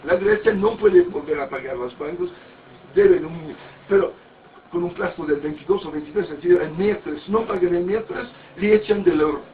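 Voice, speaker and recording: Speaking at a parody mass, a fifty-something man gives a meandering sermon-style talk packed with anecdotes, crude words and frequent restarts. His voice sits high and his pace is moderate, heard through a distant, tinny recording with faint noise behind it.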